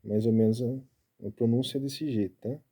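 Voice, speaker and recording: A man giving a casual Bible study, explaining step by step and tagging his sentences with quick checks to the listener. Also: medium pitch, steady tone, dark tone, breathy edge. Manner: chatty, keeps tagging lines with "né?"; explaining Hebrew letters and pronunciation step by step.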